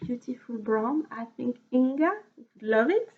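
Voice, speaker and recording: A woman with a French accent, a native French speaker, chatting casually about her knitting projects and often repeating words as she searches for them. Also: a little high. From France. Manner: halting, repeats words, soft laughs. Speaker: knitting podcaster. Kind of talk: casual chat. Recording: dull lo-fi sound.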